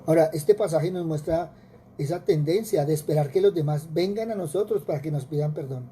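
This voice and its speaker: With a Colombian Spanish accent, this male preacher gives a sincere, brisk sermon full of repeated words and rhetorical questions. His voice is deep and mellow, and faint background hiss can be heard.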